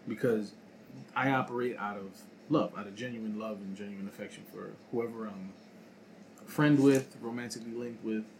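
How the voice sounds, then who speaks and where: A man's voice: on the low side, moderate pace, crowd noise. A man in casual podcast chat, thinking aloud with frequent fillers and hesitations. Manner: reflective, hesitant with many fillers. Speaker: podcast co-host. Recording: noisy room recording.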